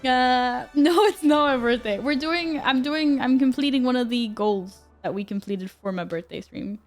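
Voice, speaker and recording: Chatty young woman, fairly high voice. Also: moderate pace, faint music behind. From Sweden. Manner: chatty, reads chat aloud, laughs often. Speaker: streamer. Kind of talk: casual chat with stream viewers. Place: apartment room at home.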